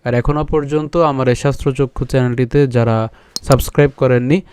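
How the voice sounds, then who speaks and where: A man teaching a scripture class, slowly breaking verses into syllables and chanting them, often pausing to ask and answer his own questions. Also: medium pitch, steady tone, a little mellow, a little hiss or hum. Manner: repeats "ঠিক আছে" and asks himself questions. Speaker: Gita teacher. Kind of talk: recitation lesson on Sanskrit pronunciation.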